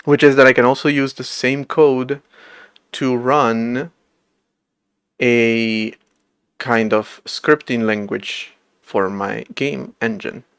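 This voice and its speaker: A man's voice: mid-range voice, fairly even intonation, takes it slowly, gravelly, fairly bright tone, clear, resonant tone, dry recording, clean studio sound. A man in his late twenties chatting casually on a coding livestream from a room at home, rambling and self-deprecating with frequent laughs. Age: late 20s. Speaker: livestreamer coding an operating system.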